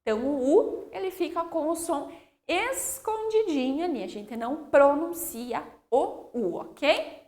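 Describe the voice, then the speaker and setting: A woman teaching young children spelling, drawing out each example word slowly and checking in with "ok?". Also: sits high, expressive, a little mellow. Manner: slow, drawn-out word-by-word dictation with frequent "ok?" checks. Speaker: primary school teacher.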